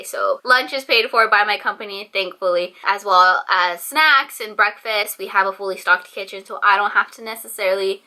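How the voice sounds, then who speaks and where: A woman's voice: mid-range voice, bright, forceful tone. A woman in her twenties from the San Francisco Bay Area, chatting casually to camera as a vlogger, rambling with lots of fillers. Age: 20s.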